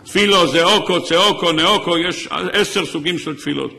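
Bright, high-voiced preaching rabbi. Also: male voice, creaky. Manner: impassioned preaching, crying out in places. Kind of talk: sermon.

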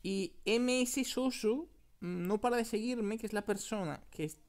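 A woman with an accent from Spain giving excitable, dramatic gameplay commentary and keeps calling out to her viewers. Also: medium pitch, a little slow. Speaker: gaming YouTuber.

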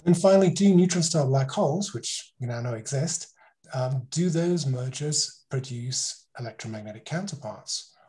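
A man's voice: mid-range voice, animated, moderate pace, warm tone. Conversational man giving an academic talk. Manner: conversational, self-correcting, asks rhetorical questions. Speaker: conference speaker. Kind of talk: academic talk over a video call. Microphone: video call.

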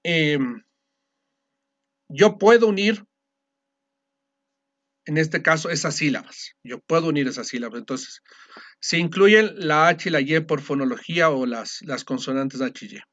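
A man with a notably high voice lectures to a class, laying out each rule step by step and checking that his students follow. The recording is dull and lo-fi. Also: a bit bright. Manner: explanatory, often checks understanding with a quick question. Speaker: teacher.

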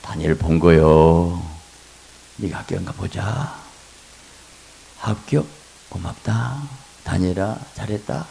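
A middle-aged man preaches a revival sermon in a low, gravelly voice. He turns animated, dropping into hushed asides and then rising to loud exclamations as he acts out how a wife and her husband talk. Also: slow pace, pauses often, slight background noise. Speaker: pastor.

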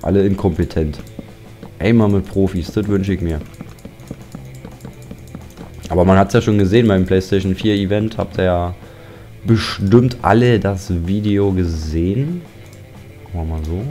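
A man with a deep, dark-toned voice talks at a moderate pace while playing a building game. He's a Let's Play commentator, chatty and joking, grumbling at the mobs he runs into as game music plays behind him.

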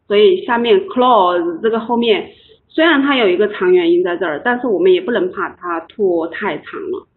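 A woman's voice: medium pitch, slight background noise. A woman teaching an online English lesson, patiently explaining and repeating words for her students. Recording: tinny online call audio.

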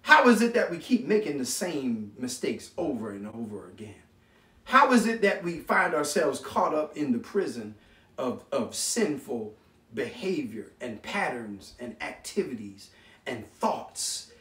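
A man's voice: medium pitch, sing-song, measured pace, fairly bright tone. A man preaching a sermon as pastor, impassioned, calling on the congregation to answer back and repeating his words. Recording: echoey room, mic from far off.

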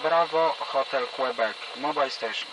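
Guy on a fading radio link, halting call signs, far off, buried in heavy static. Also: mid-range voice. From northwest Poland. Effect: fading, noisy radio signal. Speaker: amateur radio operator in a mobile station. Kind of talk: call-sign exchange over amateur radio. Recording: distant voice through loud radio static.

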